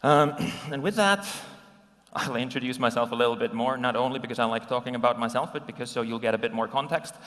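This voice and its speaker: A man's voice: mid-range voice, quick pace, fairly bright tone. A man in his forties from Finland giving a conversational conference talk with slides, with frequent ums and restarts, recorded live in a conference hall. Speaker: conference speaker.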